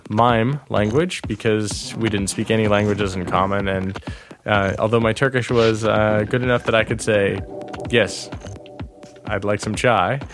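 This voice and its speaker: A man's voice: on the low side, background noise. A man telling a travel story in casual conversation, rambling and restarting, laughing at his own tale.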